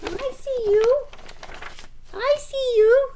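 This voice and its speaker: A middle-aged woman teacher reads a picture book to children, her voice very high-pitched and very slow. She's animated and chatty, adding asides and explaining words to the kids.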